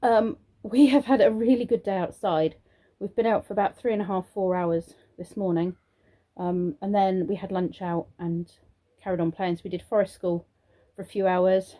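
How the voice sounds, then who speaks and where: A dark-toned, mid-range female voice with fairly even intonation speaks at normal speed. She is a young British vlogger and childminder chatting to camera at home, rambling with many ums and slipping into sing-song praise for children, throaty and congested with a sore throat.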